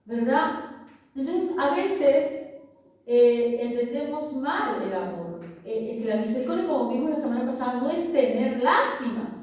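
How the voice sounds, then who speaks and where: A woman's voice: high-pitched, expressive, measured pace, a little mellow. A woman preaching a sermon, asking her congregation questions and calling them brothers. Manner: asks the congregation rhetorical questions; addresses listeners as brothers. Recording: very echoey room, voice far from mic.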